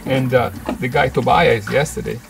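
A man's voice: mid-range voice, normal speed, gravelly, rough recording. A man in his fifties, chatting casually while he cooks in a boat galley and explains the dish. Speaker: sailing vlogger. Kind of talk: casual chat while cooking.

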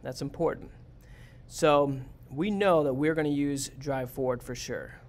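In a screen-recorded coding lesson, a male teacher talks his students through an exercise one step at a time, plainly and practically. His pitch is an ordinary middle, his pace a little slow, and a faint hiss from his computer mic runs underneath.

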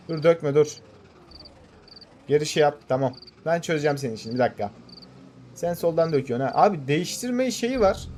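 Man, gameplay commentary, chatty and excitable, faint crickets behind. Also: on the high side, a little hiss or hum. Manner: chatty, excitable, talks to himself and viewers. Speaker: gaming channel host.

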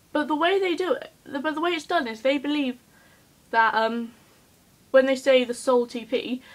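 A woman's voice: a little high, poor audio. A woman chatting casually in a vlog, hyper and giggly, rambling with lots of ums. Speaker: vlogger.

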